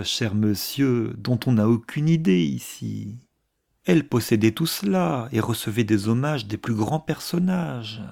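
A man reading a novel aloud, voicing an effusive, gossiping older aristocratic woman with theatrical, hushed asides. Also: mid-range voice, vocal fry.

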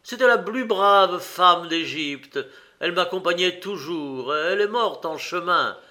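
A man voicing a hot-tempered Egyptian merchant who speaks in a loud, indignant voice. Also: a little high, lively intonation, a little slow. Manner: indignant, raised voice.

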